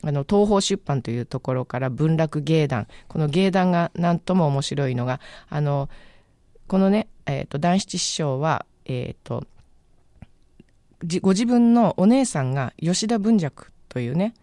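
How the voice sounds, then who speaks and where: A woman's voice: low-pitched, animated, measured pace, mellow, dry recording, studio quality. A woman radio host casually recommending a book on air, chatty and musing, often searching aloud for the right word.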